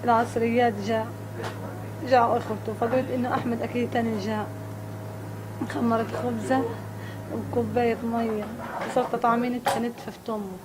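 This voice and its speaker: A bereaved mother speaking, giving a personal testimony in a quiet, subdued, grieving way. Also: a little high, level tone, very fast. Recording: loud background noise.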